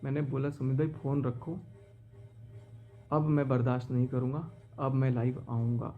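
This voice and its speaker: A man's voice: medium pitch, little pitch movement, normal speed, narrow, tinny audio, faint music behind. A man talking in a live stream from his car, aggrieved and pleading as he recounts a betrayal. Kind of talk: emotional live-stream monologue.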